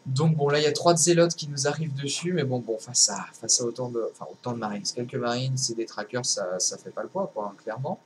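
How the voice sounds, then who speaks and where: A man's voice: medium pitch, fast, hardly any pauses, a little hiss or hum. A young man casually commenting his own strategy game match, rambling with lots of fillers and restarts. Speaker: gameplay commentator.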